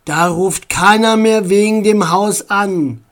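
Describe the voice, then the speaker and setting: Guy putting on a lively young girl, eager, pitched way up. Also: slow. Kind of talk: storybook reading.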